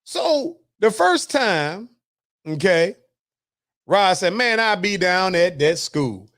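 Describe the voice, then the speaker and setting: High-pitched man ranting on a livestream. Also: very animated, slow, fairly bright tone. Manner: wry, preachy, jokes and laughs between points, reads comments aloud. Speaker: host. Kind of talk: casual commentary reading news and chat comments.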